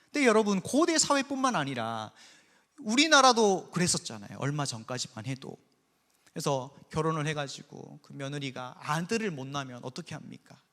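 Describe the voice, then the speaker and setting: Lively preacher in a reverberant church. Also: male voice, on the high side, moderate pace, creaky. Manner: lively storytelling preacher, acts out biblical quotes. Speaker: pastor. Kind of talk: sermon. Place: church sanctuary. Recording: long hall reverb.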